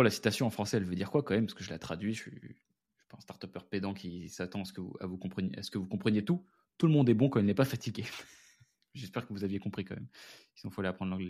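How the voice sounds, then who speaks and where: A French man hosts his own podcast in a candid, chatty monologue. His voice sits low and he talks at a brisk clip. He speaks to listeners as friends, casual and direct. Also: a little mellow. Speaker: podcast host and founder.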